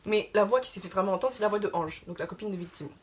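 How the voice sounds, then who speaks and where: A young adult woman casually telling a story to her viewers, chatty and animated, piling on filler tags as she retells what happened. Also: mid-range voice, fast. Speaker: vlogger.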